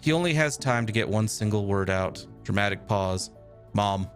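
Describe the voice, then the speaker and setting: A male streamer reading a video game's text aloud with a steady storytelling delivery. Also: lowish voice, normal speed, faint music behind.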